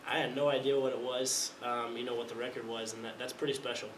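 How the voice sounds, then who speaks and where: Young guy quarterback at a postgame presser, quick monotone stumbly answers, roomy echo, noisy far-off mic. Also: mid-range voice. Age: young adult. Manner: halting, repeats words as he restarts phrases. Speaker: college quarterback. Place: press conference room, indoors. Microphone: table mic in front of him. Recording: echoey room, distant mic, background noise.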